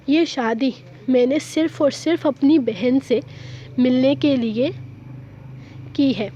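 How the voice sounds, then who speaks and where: A woman's voice: high voice, dark tone, close to an everyday voice. A woman voicing a defiant young bride who talks bluntly and coldly, in a slightly muffled recording with a faint hum. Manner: blunt, cold.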